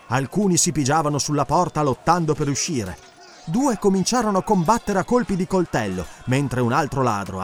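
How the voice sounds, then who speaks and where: An audiobook narrator tells an adventure story with lively, animated delivery. His mid-range voice rises and falls widely to build the action.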